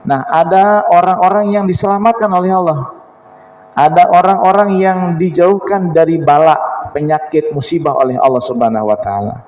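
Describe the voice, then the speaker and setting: Man preaching in an echoey mosque. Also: a little high. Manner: chatty, jokes with the congregation, laughs. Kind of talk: mosque sermon. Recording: echoey hall, dull lo-fi sound.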